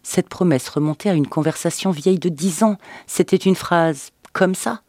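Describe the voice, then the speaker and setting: A man reading a novel aloud as narrator in an expressive, dramatic audiobook style. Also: high voice, moderate pace, no room sound, studio quality.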